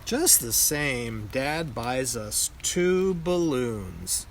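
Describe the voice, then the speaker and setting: An older man with a grandpa voice reads a children's picture book aloud in a deliberate storytelling manner. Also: mid-range voice, animated, a little hiss or hum.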